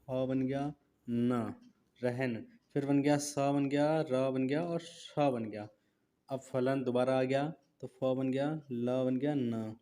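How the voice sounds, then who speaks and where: Male shorthand teacher, mid pitch, slow repetitive dictation while writing. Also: warm tone. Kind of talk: step-by-step writing lesson.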